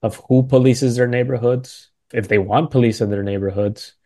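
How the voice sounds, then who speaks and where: Mellow-voiced man with "right?" tags. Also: medium pitch, fairly even intonation, normal speed. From Milwaukee, United States. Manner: loose and conversational, tags many phrases with "right?" and "you know". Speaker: guest speaker, community organizer. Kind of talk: prepared talk at a panel event.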